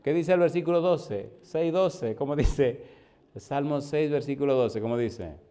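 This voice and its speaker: A pastor preaching a sermon, lively, asking the congregation questions and acting out short dialogues. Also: male voice, fairly high pitch, measured pace.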